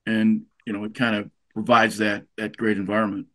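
A man's voice: fairly low pitch, level tone, brisk, a bit bright. A man hosting a sailing show, chatting casually with guests at a marina and often repeating words as he thinks. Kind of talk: casual interview.

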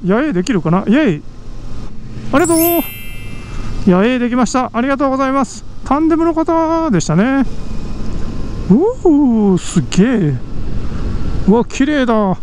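A man with a very high voice hosts a motovlog, riding a mountain road and narrating casually while excitedly exclaiming at the scenery again and again. His helmet mic on the moving motorbike picks up slight background noise.

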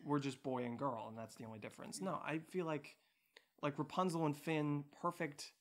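A man's voice: a little high, fairly even intonation, normal speed. A young man co-hosting a casual podcast with his partner, joking and rambling with plenty of fillers. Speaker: podcast co-host. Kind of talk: casual couple chat.

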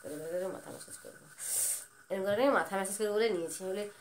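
Fast-chattering young woman vlogger at home. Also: medium pitch, slight background noise. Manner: rapid, chatty, rambling talk. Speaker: lifestyle vlogger. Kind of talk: casual home vlog chat. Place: indoors at home, fan running.

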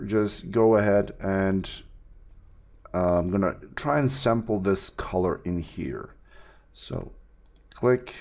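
Male tutor, very deep voice, relaxed screen-capture walkthrough with frequent fillers. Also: creaky. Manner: relaxed, with many fillers and restarts. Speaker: 3D art tutor. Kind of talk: screen-recorded software tutorial.

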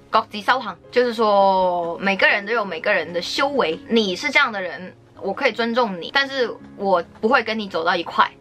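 A woman's voice: medium pitch, sharp tone. A young woman from Guangdong, China, hosting her own vlog, talking straight to the camera and giving earnest, indignant commentary with rising emphasis. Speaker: vlogger host. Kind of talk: opinionated talk to camera.

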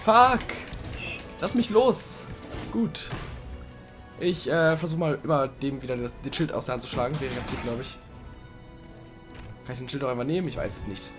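A young man doing casual let's play commentary, chatting to the game creature and sometimes swearing loudly. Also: mid-range voice, brisk, long pauses, over music.

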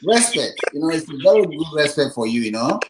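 A man hosting a casual talk show on a video call, his voice sitting a little high for a man. The webcam audio is roomy and echoey, with a clear hiss of background noise. He talks in a warm, affirming way and scatters "you know" through his sentences. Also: sing-song, a little fast.

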